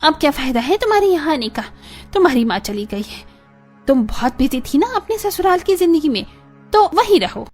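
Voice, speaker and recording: Woman as a stern aunty next door in a cartoon, curt and scolding, highish voice. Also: moderate pace, faint music behind, close to an everyday voice. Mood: angry. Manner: scolding, brusque. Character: stern middle-aged neighbour woman, sharp-tongued. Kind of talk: animated story dialogue.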